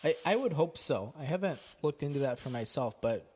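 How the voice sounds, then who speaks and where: A man guesting on a podcast in casual chat, relaxed and teasing, reading out lists of picks. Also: on the high side, fairly quick, husky. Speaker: podcast guest, co-host of another podcast.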